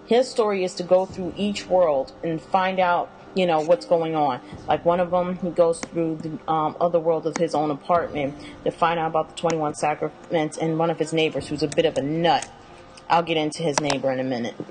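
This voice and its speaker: A woman's voice: sits low, steady tone, normal speed, darkish tone, a little hiss or hum, rough recording. A woman casually walking through a video game's characters, rambling with fillers and correcting herself as she goes. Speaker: video game commentator. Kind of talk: casual spoken character rundown.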